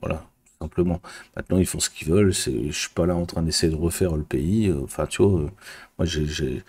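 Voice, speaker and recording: A man's voice: sits low, darkish tone, breathy edge. A man from France, a business coach, talking casually to camera in a rambling, blunt way with many fillers and restarts.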